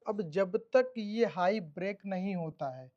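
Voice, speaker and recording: In a lo-fi recording, a man with a high-pitched yet darkish voice talks unhurriedly. He's leading a trading course, breaking down a chart step by step for a recorded lesson. His style is teacherly and repetitive, restating terms and checking comprehension.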